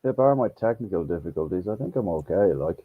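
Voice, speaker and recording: A man's voice: low-pitched, lively intonation, fast talker, over a noisy crowd. Give me a fed-up, swearing man on a podcast call whose dull, distant mic makes him sound like he's talking from a cave. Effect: muffled cave-like echo from a bad mic setup. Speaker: podcast co-host. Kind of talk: casual chat. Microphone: laptop mic on a video call.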